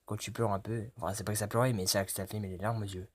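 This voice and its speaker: A man's voice: on the low side, steady tone, quick pace, slightly rough, no room sound. A man doing casual let's play commentary. He reads dialogue choices aloud and reacts with jokes and swearing. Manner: swears often, jokey reactions. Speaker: let's player.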